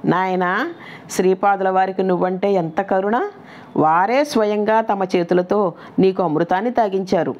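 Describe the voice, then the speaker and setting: A woman voicing a kind elderly male sage who gently instructs a disciple in a devotional story. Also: mid-range voice, unhurried, natural voice. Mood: gently instructive. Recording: dull lo-fi recording.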